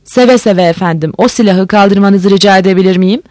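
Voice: medium pitch, fairly quick, a little mellow, no echo, natural voice. A reader voicing a male navy boat captain who gives curt orders and speaks formally.

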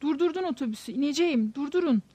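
A woman's voice: sits high, expressive, fast talker, dark tone, no echo. A woman voicing the inner thoughts of an anxious, troubled man riding a bus, in a tense, questioning way. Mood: frantic.

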